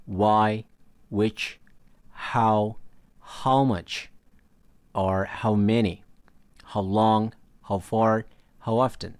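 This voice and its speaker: A man teaching English grammar in a recorded lesson. He reads English example questions slowly and then translates them. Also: on the low side, dry recording.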